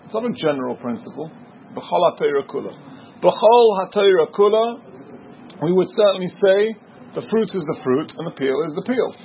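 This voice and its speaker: A man's voice: a little high, expressive, brisk, vocal fry, a little hiss or hum. A man teaching a Talmud class, explaining step by step and stretching out key terms for emphasis. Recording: dull lo-fi with faint ambience.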